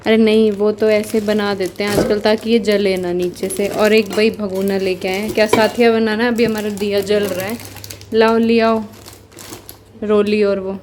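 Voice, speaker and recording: A woman's voice: medium pitch, little pitch movement, normal speed, noisy background. A young woman chatting casually in a family vlog, teasing and laughing often as she films around her home. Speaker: vlogger.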